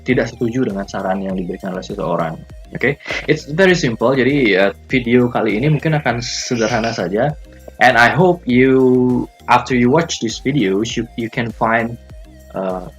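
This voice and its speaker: Indonesian guy teaching english, lowish voice, says phrases twice slow, faint music behind. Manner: switches languages, models phrases slowly and repeats them. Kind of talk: recorded classroom lesson.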